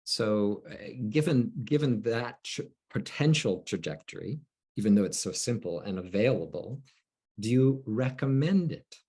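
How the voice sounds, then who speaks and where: Male host, low husky voice, very slow halting questions. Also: animated, mellow. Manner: halting, many fillers, thoughtful questions. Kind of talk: moderating a roundtable.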